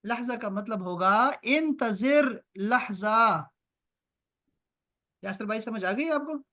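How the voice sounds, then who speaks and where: A man teaching an online language lesson over a video call, repeating words slowly and drawing them out for his learners. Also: sits high, expressive, bright, forceful tone. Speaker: Arabic teacher.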